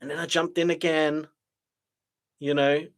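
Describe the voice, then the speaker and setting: A man's voice: a little high, flat delivery, measured pace. Frustrated man streaming live trades. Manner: frustrated, self-deprecating musing with sighs. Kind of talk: live trading commentary to viewers.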